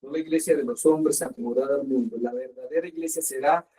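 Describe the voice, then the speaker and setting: A man giving a sermon as a priest, earnest and emphatic, slowing down to stress his points. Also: medium pitch, dark tone, recorded from a distance, poor audio. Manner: earnest, slow emphatic preaching with pauses.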